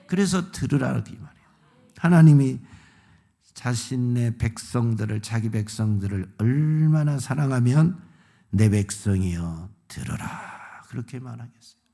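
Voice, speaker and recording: A man's voice: medium pitch, moderate pace, vocal fry, warm tone. A male pastor preaching a prayer-meeting sermon, impassioned and pleading, pressing the congregation with rhetorical questions. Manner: impassioned, swelling to fervent cries.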